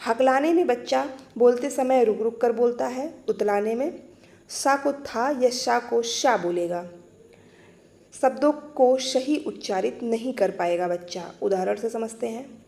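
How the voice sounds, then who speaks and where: A woman teacher explaining exam-prep material in a clear, patient way, restating each point. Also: a little high, unhurried, warm tone.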